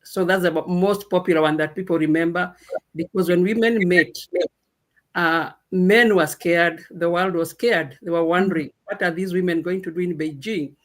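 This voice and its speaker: A woman from Kenya speaking on a radio panel, telling her story slowly with many hesitations. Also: lowish voice, fairly even intonation. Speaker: guest speaker. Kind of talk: casual panel talk.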